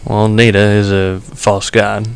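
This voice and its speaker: A man's voice: fairly low pitch, flat delivery, a little slow, smooth. A man playing a tabletop game, plain-spoken and practical in casual chat. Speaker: player.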